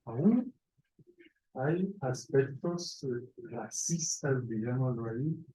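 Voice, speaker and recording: A man's voice: medium pitch, expressive, slow, warm tone, roomy sound, rough recording. A man giving a university lecture in a conversational way, often checking in with his listeners. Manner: conversational, asks "¿verdad?" often.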